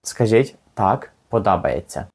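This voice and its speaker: A male teacher leads a beginner language lesson with calm patience, slowing down to repeat each phrase so a learner can follow. His voice rises and falls in a lively, animated way as he guides the learner through each drill. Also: on the low side, breathy edge.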